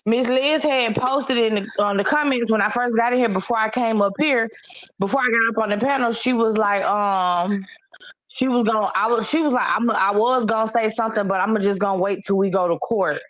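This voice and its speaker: A woman's voice: fairly high pitch, a little fast, fairly bright tone, dry recording. A woman on a live online panel, talking in brash, teasing, profane casual chat. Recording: dull sound with faint noise.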